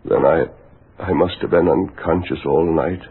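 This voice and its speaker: An actor playing a wounded young Texas Ranger in a 1940s radio drama, speaking in an earnest, halting way. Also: male voice, low voice, slightly rough, full character voice. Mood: weak, earnest. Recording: tinny lo-fi old radio broadcast.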